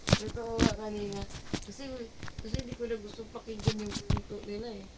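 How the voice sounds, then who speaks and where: A woman chatting casually while gaming, telling a story in an animated way and laughing often. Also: medium pitch, brisk. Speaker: gamer chatting while playing. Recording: distant mic with loud background noise.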